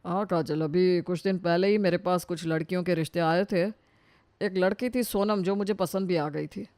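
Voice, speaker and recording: Brief: woman voicing a caring father figure, soft and patient, dry sound. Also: on the low side, steady tone, normal speed, no echo, close to an everyday voice. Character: caring older father, calm persuader. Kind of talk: storybook voice acting.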